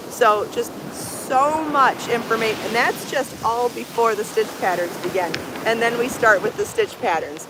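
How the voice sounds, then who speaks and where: A middle-aged woman, a show host and crochet book author, chats casually to viewers on a livestream from a sandy beach by the sea. Her slightly hoarse voice is on the high side, and she rambles enthusiastically and repeats herself. Loud ocean waves and surf fill the background of the outdoor recording.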